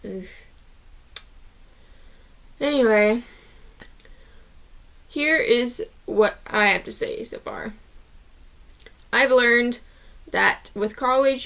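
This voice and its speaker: A young adult woman vlogger with a high-leaning, fairly bright voice rants casually to camera with advice for her viewers. She's chatty and reassuring but bursts out suddenly now and then.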